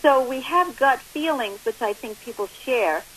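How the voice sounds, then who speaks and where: Speaking as a guest counselor in a phone interview, this woman in her late sixties explains things emphatically. She sounds high-pitched, animated, and a bit bright, keeping a measured pace, while the telephone line adds hiss and noise.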